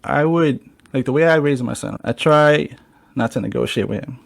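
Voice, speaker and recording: A man with a gravelly, creaky edge hosts a casual podcast. He chats loosely, swears freely and speaks straight to his viewers. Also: mid-range voice, moderate pace. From United States. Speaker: podcast host. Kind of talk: casual chat.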